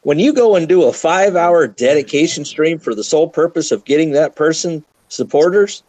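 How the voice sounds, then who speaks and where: A man's voice: a little high, animated, brisk, a little mellow, poor audio. A man on a casual live stream chat, talking in an emphatic, folksy way.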